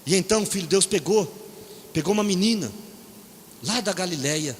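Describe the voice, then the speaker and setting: A man's voice: sits high, moderate pace, slight background noise. A middle-aged man with a Brazilian Portuguese accent preaching at a seminar, telling stories with jokes and keeps asking his audience "né?". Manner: animated, jokes and acts out quoted voices, keeps asking "né?". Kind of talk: humorous storytelling sermon. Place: church or seminar hall. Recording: echoey hall.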